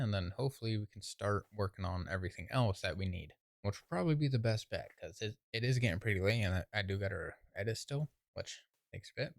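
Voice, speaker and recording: Gravelly-voiced man narrating his gameplay. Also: fairly low pitch, no echo. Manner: rambling, self-talking, exclaims at setbacks. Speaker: gaming video creator. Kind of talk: casual gameplay commentary.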